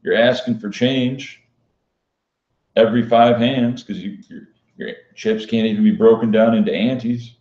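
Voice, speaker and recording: A male poker vlogger and professional player hosts a live stream, answering questions casually in a mellow, mid-range monotone at a measured pace. His manner is flat, unhyped and matter-of-fact throughout. The audio is dull and lo-fi, with a roomy, echoey quality.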